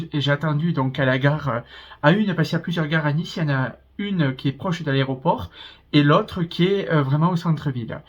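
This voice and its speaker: A man's voice: on the high side, dull audio. Chatty southern French young man vlogging. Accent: southern French, Pyrénées-Orientales. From France, Pyrénées-Orientales. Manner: chatty, rambling, many hesitations. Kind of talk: casual storytime vlog.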